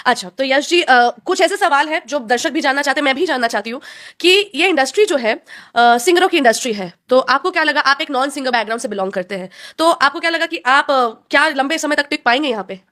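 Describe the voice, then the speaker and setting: A woman hosting a podcast, asking her guest gentle, personal questions. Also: high voice, expressive, quick pace. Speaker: podcast host. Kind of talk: interviewing a guest.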